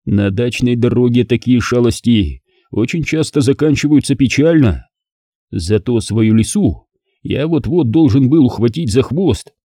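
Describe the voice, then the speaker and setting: A man narrating an audiobook in the first person with an expressive reading. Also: mid-range voice, a little slow, dry recording, clean studio sound.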